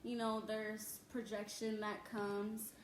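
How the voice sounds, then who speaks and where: A woman's voice: medium pitch, level tone, slow. Young woman chatting, echoey room. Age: young adult. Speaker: daughter, guest. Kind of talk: casual chat. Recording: echoey room, faint noise.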